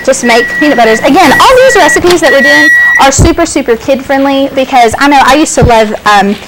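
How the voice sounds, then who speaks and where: A woman's voice: sits high, fairly quick, noisy background. A young woman co-hosting a local TV cooking show, chatty and upbeat as she explains each step. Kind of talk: casual cooking demonstration. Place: small indoor TV studio set.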